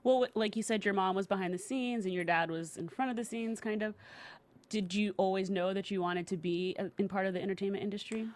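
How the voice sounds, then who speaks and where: A woman's voice: mid-range voice, steady tone, fast, darkish tone. A woman hosting an interview, putting prepared questions to a guest in a conversational way. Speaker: interview host.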